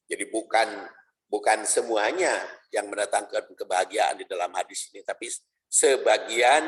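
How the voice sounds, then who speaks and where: A man with a Sundanese accent, preaching a dawn study sermon and explaining slowly, stressing repeated phrases. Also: lowish voice, a bit bright. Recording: long hall reverb.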